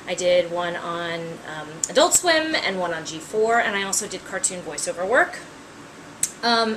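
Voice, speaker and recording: A woman's voice: medium pitch, fairly bright tone, a little hiss or hum, poor audio. A woman in her thirties, an author, talking casually to camera, chatty with frequent ums and wry asides. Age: 30s.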